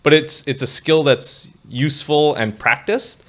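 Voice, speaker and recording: A young man co-hosting a podcast, speaking in a thoughtful, measured way in casual chat. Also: on the high side, a bit bright. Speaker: podcast co-host.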